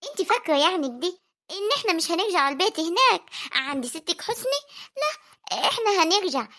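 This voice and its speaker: Performer doing a fussing Egyptian village mom, very high, rapid and bright, scolding but tender. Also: very animated, exaggerated voice. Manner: scolding yet tender, coaxing. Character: worried village mother of young daughters. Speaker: mother. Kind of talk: homemade family drama voice acting.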